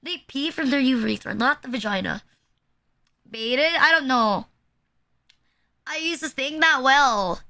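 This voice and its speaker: A woman's voice: sits high, lively intonation, unhurried, long pauses, bright, forceful tone. A young woman streaming live, chatting casually and bluntly, rambling with lots of "like" and crude jokes. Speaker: VTuber streamer.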